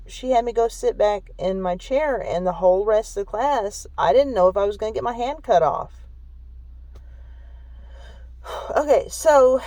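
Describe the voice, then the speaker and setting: A woman's voice: mid-range voice, mellow, no room sound, rough recording. Woman vlogger, mid-range voice, emphatic and shaken storytelling, close dry recording. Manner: emphatic, repetitive, keeps adding "okay?" and "really"; emotionally shaken when recounting hurt. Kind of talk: personal storytelling to camera.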